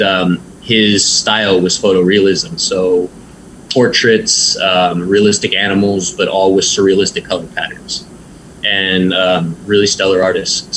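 Laid-back male tattoo artist, low voice, rambling and profane, slight background hiss. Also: a bit bright, low-quality recording. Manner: laid-back, swears freely, rambling with many ums. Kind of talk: casual storytelling interview.

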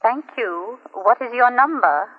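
An actress playing a brisk, polite long-distance telephone operator, heard through a payphone line in 1940s radio-drama style, with crisp, formal phrasing. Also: female voice, fairly high pitch, expressive. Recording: dull lo-fi old radio recording.

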